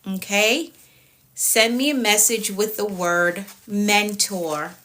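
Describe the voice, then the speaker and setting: A woman's voice: medium pitch, slow, bright, forceful tone. A woman in her late thirties, a productivity coach on a live stream, talking firmly and repeating herself, often ending lines with "okay?". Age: 30s. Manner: repetitive, firm, tags lines with okay.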